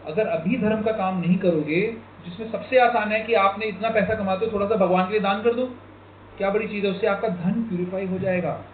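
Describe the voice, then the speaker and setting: A man giving an informal spiritual talk to a small group. He tells a parable and acts out its characters with animated voices. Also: high voice, brisk, reverberant, phone-quality sound, a little hiss or hum. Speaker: devotee speaker guiding a group.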